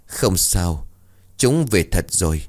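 A man voicing a calm middle-aged male ritual master who speaks prayers in a solemn, measured way. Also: low voice, exaggerated voice.

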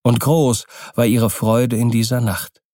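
Slow, measured male audiobook narrator. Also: medium pitch, little pitch movement, a little mellow, no echo, clean studio sound. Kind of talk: scripted narration.

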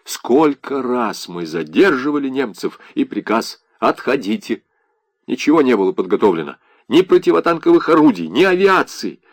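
A man's voice: medium pitch, big pitch swings, moderate pace, no room sound, clean studio sound. A man reading an audiobook voices a bitter, despairing soldier just back from a lost war. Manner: bitter, agitated.

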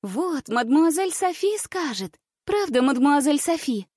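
A woman voicing a capricious, spoiled little princess girl who talks in a bright, bossy way. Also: high voice, big pitch swings, a little slow, no echo, clean studio sound, voice pushed up.

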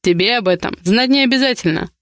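A woman voicing a domineering, possessive young man who gives low, menacing commands in an audiobook romance. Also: fast, fairly bright tone, no room sound, studio quality, natural voice. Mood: commanding.

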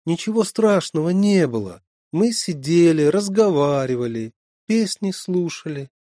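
Guy voicing a flippant hippie girl, pitched up, dry close sound, storybook. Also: animated, mellow, no echo. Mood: pleading. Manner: teasing, quick and flippant. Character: impish young woman, carefree hippie girl.

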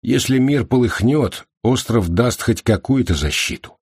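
A man reading the lines of a calm, firm, reassuring young man with a steady, measured manner and a very low, husky voice. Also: dry recording, studio quality.

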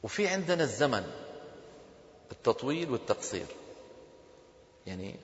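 A man's voice: medium pitch, sing-song, moderate pace. A man giving a classroom lesson, asking his students questions and answering them himself. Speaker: teacher of Quran recitation. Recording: dull echoey hall recording.

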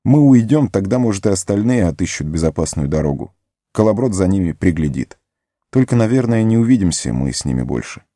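A man's voice: low voice, very animated, brisk, dry recording, studio quality. Frodo, a man doing a weary resolute hobbit. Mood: fond. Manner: earnest, tired, gently firm. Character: young male hobbit, weary, resolute, burdened. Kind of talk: audiobook character voice.

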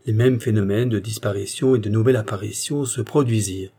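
A man reads a short story aloud as an audiobook narrator, calm and measured. His voice is low, dark and slightly husky.

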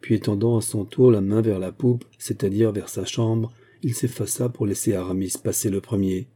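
A male audiobook narrator reads a classic novel in a steady, measured way. His voice is low and very dark, with a husky, slightly rough texture. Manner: measured, even storytelling.

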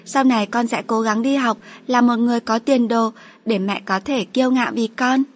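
A woman's voice: fairly high pitch, fairly even intonation, normal speed, no echo, pitched above the performer's own voice, close to an everyday voice. A woman voicing a small, earnest and tender girl in an audiobook, with a sweet, pleading childlike voice. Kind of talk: audiobook character voice.

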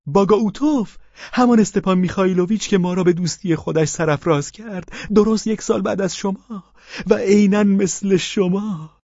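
A man's voice: high-pitched, darkish tone, dry recording, highs cut off, voice pushed up. A man voicing a fawning, overwrought middle-aged widower in an audiobook, pleading in a raised, emotional voice. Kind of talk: audiobook character reading.

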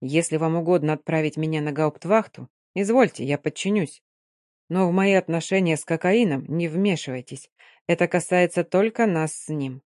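Woman reading as a bitter hurt cavalry captain, low and curt, gritted teeth, dry audiobook sound. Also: normal speed, a little mellow, no room sound, close to an everyday voice. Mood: sullen. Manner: speaks through clenched teeth, sullen.

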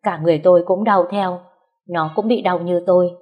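A woman's voice: on the low side, fairly even intonation, brisk, phone-quality sound. Woman narrating a sad family story. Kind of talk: first-person story narration.

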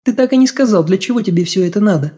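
A man putting on a sharp-tongued young woman, high and soft. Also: animated, breathy edge. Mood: prying. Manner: quick, pointed, reproachful questions. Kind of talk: audiobook character voice.

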